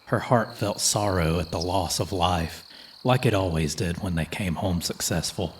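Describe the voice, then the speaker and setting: Very deep-voiced male horror storyteller. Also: normal speed, slight background noise. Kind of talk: scripted horror story narration. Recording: music playing under the voice.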